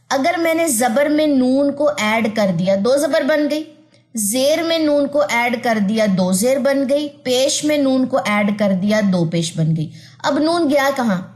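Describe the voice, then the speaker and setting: A woman teaching an online tajweed lesson in a patient voice. She repeats her points, often checks that students follow, and draws out letter sounds slowly. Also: high-pitched, darkish tone. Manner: slow, careful drawn-out pronunciation of letter sounds.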